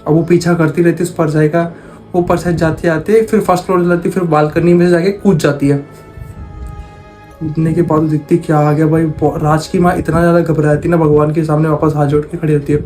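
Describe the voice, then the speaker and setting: A man's voice: on the high side, level tone, fairly quick, darkish tone, soft background music. A man casually telling a horror story, talking in a conversational way and repeating phrases for emphasis.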